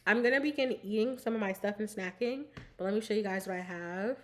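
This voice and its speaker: A woman's voice: mid-range voice, fast talker, a little hiss or hum. Bubbly young woman chatting with viewers. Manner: bubbly and giggly, fills speech with "like"; talks while snacking. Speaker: livestream host. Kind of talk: casual chat with live viewers.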